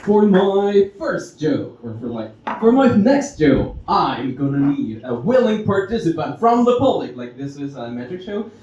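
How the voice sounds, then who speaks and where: A native Spanish speaker with a Mexican accent does amateur stand-up, his fairly high, a little mellow voice swinging sing-song up and down at normal speed with few pauses. He stops, restarts and plays with the audience on a live stage in a roomy venue, heard through distant, muffled pickup in a very echoey, noisy room.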